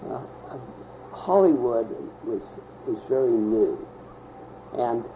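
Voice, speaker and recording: An older man from Pittsburgh tells his childhood memories slowly in a gravelly voice, his pitch rising and falling as he goes. He halts often and hunts for words. The recording is muffled, with loud crickets and insects behind him. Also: background noise. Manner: halting, searching for words with many pauses. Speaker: oral history interviewee. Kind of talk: reminiscing in an interview.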